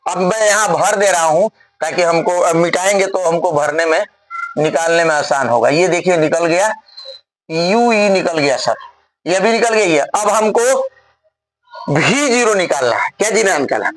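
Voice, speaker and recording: A man's voice: sits high, animated, normal speed, crowd noise, poor audio. A male physics teacher solving a problem on the board step by step in a classroom lecture, often checking whether his students follow.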